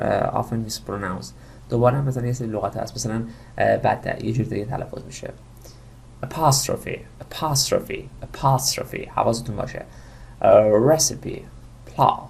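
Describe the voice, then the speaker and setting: Low gravelly male English teacher. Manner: reads English words slowly and loudly, then explains in Persian. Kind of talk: Persian-language English lesson, reading word lists aloud.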